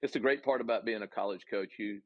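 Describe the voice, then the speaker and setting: A low-voiced man with a Southern US accent talks earnestly as a guest, pausing often on ums and restarting his sentences. The sound is dull and dry, like a remote call. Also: no room sound. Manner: earnest, many fillers and restarts. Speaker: college golf coach, guest. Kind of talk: casual interview answers.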